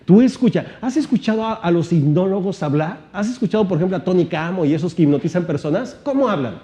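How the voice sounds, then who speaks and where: A man giving an animated seminar-style teaching talk, shifting his volume and pitch and asking many rhetorical questions. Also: fast. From Mexico. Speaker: motivational trainer.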